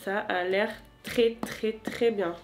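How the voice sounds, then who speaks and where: Une femme qui présente un vlog littéraire sur un ton de conversation détendue, bavarde et ponctuée d'hésitations. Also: female voice, mid-range voice, steady tone, slow pace, a little hiss or hum. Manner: chatty, many hesitations. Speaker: book vlogger. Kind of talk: casual vlog chat.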